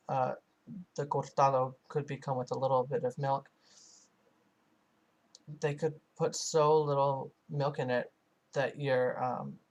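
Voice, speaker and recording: Hesitant man doing a translation voice-over. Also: mid-range voice. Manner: hesitant, many filler sounds and restarts. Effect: live translation voiced over a foreign-language source. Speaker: student interpreter. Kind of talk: simultaneous interpretation voice-over.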